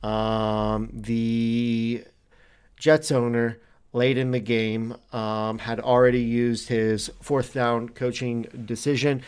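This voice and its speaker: A man hosting a weekly league show, explaining rule violations in a halting but firm way with many fillers. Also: mid-range voice, flat delivery, darkish tone, clean tone. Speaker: league commissioner host. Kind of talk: casual league update talk.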